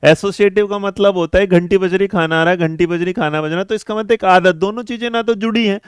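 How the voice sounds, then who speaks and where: A man with a high, clear, resonant voice, captured in studio quality with no room sound, teaches a live online exam-prep class. He quizzes students and coaxes them along in a brisk way, calling them "beta" and "mere bachche." He also reads and answers their chat messages mid-lesson.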